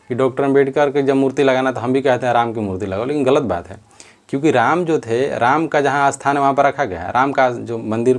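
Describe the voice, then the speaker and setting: Male commentator, mid-pitched, earnest, repetitive, off the cuff. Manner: earnest, repetitive, frequent restarts. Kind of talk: casual spoken commentary.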